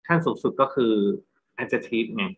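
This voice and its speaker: A man's voice: mid-range voice, expressive, unhurried, lo-fi sound. A Thai-accented man teaching English grammar in a lecture, going through exam answers and checking understanding with rhetorical questions.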